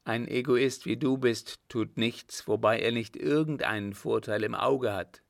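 A man voicing a young man in love, earnest and determined, in his own plain low voice. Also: a little slow, vocal fry, no room sound, studio quality.

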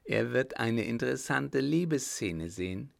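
A cruel baron who sneers, laughs and threatens, as a male reader plays him. The voice is slow and gravelly, lifted a bit above the reader's own. It is told like a storybook. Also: medium pitch, lively intonation, pitched above the performer's own voice. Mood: sneering. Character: scheming baron, mocking, cruel, self-assured.

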